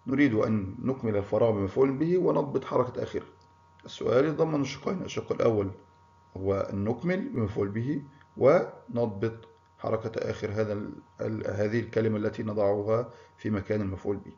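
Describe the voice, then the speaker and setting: A man's voice: fairly low pitch, quick pace, gravelly, dark tone. A man teaching a primary school grammar lesson, encouraging pupils and praising them by name. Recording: muffled lo-fi recording.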